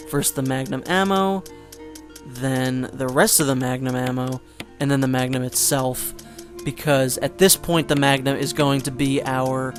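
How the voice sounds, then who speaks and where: A man giving casual gameplay commentary, rambling with joking asides and fillers. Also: medium pitch. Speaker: let's play commentator.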